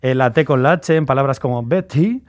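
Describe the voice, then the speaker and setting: A man explains pronunciation patiently, giving example after example. His voice sits at a middle pitch and sounds close and dry, with little room around it. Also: steady tone, fast, smooth, dry recording. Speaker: radio language segment contributor. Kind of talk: explanatory radio chat.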